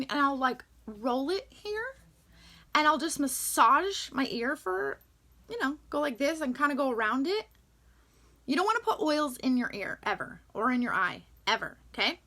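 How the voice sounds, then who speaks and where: Upbeat young female vlogger, bright sharp tone, enthusiastic casual delivery. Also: high voice. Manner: chatty, enthusiastic, lots of fillers. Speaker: vlogger sharing essential oil tips. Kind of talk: casual chat to camera.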